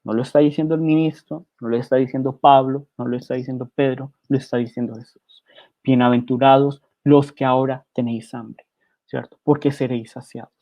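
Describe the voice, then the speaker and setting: A man's voice: mid-range voice, steady tone, fast. Preaching man, slightly dull recording. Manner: rhetorical, keeps asking "¿cierto?"; reads scripture aloud between explanations. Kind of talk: sermon.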